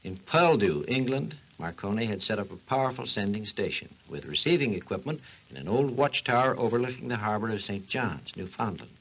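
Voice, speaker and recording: A man gives a full character performance as a patient, learned scientist explaining history as an expert guest on a scripted 1940s educational radio show. His lowish, expressive voice is brisk with few pauses and a fairly bright tone, teaching through storytelling. The low-quality recording sounds husky, as in 1940s radio.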